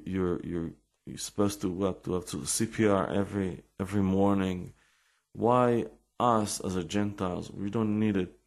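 Low, creaky and darkish in tone, this Israeli-accented man's voice delivers a casual religious talk with personal anecdotes. His speech halts and loops back on repeated words while he searches for English.

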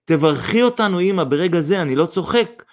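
An earnest young man in love who speaks quietly and firmly, as a male storyteller reads him. His tone stays sincere. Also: medium pitch, expressive, voice pushed up, natural voice.

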